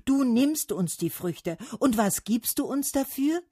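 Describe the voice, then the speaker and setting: A chorus of excitable trees, put on by a woman, calls out in a raised, bright voice that swings up and down. They sound eager and a little demanding, like a storybook crowd clamoring for gifts. The recording is dry and close. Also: on the high side, normal speed, dry recording, pitched above the performer's own voice. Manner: excited, calling out.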